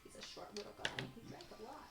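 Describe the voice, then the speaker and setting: A woman's voice: fast talker, roomy sound, over loud music, poor audio. A woman narrating as game master of a tabletop game, hesitant and full of fillers.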